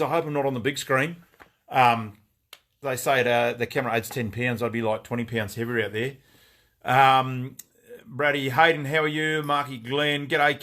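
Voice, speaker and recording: A man's voice: mid-range voice, fairly bright tone. Chatty Australian man hosting a live stream. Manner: chatty, greets viewers by name, rambling with fillers and jokes. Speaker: gun shop owner hosting a live stream. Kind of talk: casual live-stream product chat.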